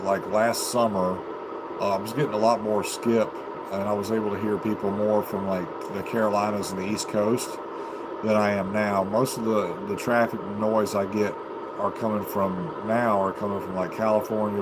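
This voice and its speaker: In his home basement, an American man with a lowish voice rambles casually to his livestream viewers. He's an amateur livestreamer and CB radio hobbyist, thinking aloud in a halting, unhurried way, pausing and restarting, while loud, steady noise runs behind him.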